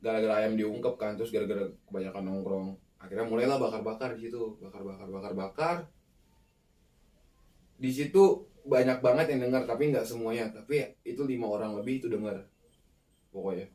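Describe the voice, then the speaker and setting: Animated man telling a horror story. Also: a little fast. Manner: animated, acts out the quoted people with sharp jumps in pitch. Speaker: guest storyteller. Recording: roomy, mic far off.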